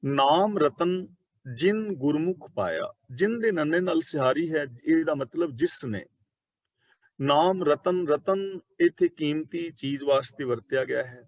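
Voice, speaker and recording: A man's voice: fairly high pitch, lively intonation, no echo. Earnest Punjabi man explaining scripture. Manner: repeats and explains each verse, slows down on quoted lines. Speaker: Sikh scripture teacher. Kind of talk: line-by-line scripture commentary.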